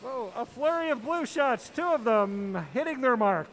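A man calling a robotics match live as announcer, excitable and full of exclamations. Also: very high-pitched, measured pace, a little hiss or hum. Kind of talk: live play-by-play commentary.

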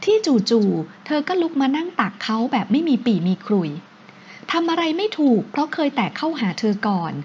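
A woman author narrating her own novel in a steady, unhurried reading voice, on a dull recording with faint hiss. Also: high voice.

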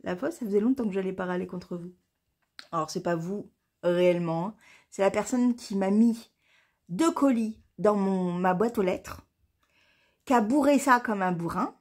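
Woman, 40s, knitting vlogger. Casual, chatty delivery, quick to laugh, vents with some swearing. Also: mid-range voice, dark tone. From France. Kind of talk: casual chat to camera.

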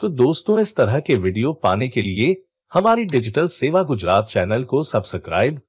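This tutorial host talks at a normal speed, and his medium-pitched, slightly rough voice swings widely in pitch. He narrates a screen recording, instructively explaining each click as he guides viewers step by step.

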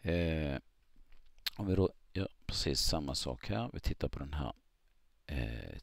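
Very deep gravelly man, dry close sound. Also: big pitch swings, no room sound. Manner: halting, many fillers, thinks aloud. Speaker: market analyst. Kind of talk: screen-recorded chart analysis.

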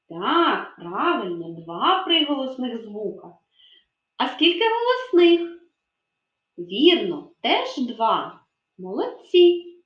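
Slow, lively-voiced kindergarten teacher. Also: female voice, on the high side. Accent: Ukrainian. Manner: slow, clear, sound-by-sound enunciation. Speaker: preschool teacher. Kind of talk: literacy lesson for young children. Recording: echoey room, dull lo-fi sound.

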